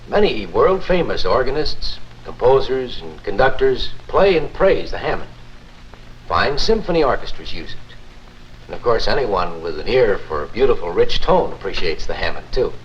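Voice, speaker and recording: An actor playing a courteous, confident church organist, explaining in a formal, measured 1950s narrator manner for a promotional film. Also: male voice, lowish voice, sing-song. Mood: courteous, earnest. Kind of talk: 1950s promotional film acting, scripted demonstration. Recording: muffled, noisy 1950s film soundtrack.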